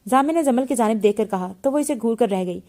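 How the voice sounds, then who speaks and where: A woman's voice: fairly high pitch, animated, quick pace, darkish tone. A woman reading a romance novel aloud and voicing its characters herself, often stumbling and restarting her words. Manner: reads all the characters in a lightly shifted voice, with frequent slips and restarts. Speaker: novel reader.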